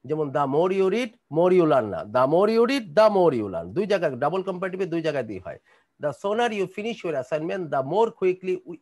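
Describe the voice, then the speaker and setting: A man with a Bangladeshi accent teaching English grammar in an online class, reading test sentences slowly and then explaining them in rapid bursts. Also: a little high.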